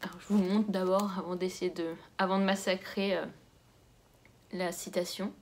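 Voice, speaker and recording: A woman's voice: fairly low pitch, flat delivery, normal speed. Gushing young Frenchwoman unboxing books. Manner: gushing, exclamatory; muttering softly to herself between items. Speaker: book vlogger. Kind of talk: casual unboxing chat.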